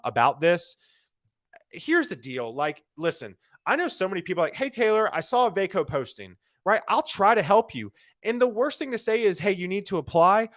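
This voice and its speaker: A man hosting a solo live show as a recruiter, giving career advice in an energetic, rambling way. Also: mid-range voice, no echo. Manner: energetic, rambling, quick restarts and repeated phrases.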